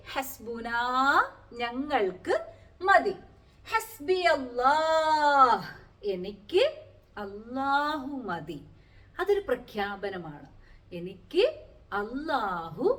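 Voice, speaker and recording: A woman teaching the meaning of Quranic prayers word by word, explaining slowly and asking rhetorical questions. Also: sits high, a bit bright. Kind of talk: Quranic Arabic lesson.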